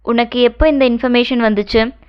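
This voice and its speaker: Woman narrating curt impatient young man, offhand, quick-spoken, smooth voice, dull lo-fi sound. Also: fairly high pitch, steady tone, close to an everyday voice. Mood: brusque. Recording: dull lo-fi recording.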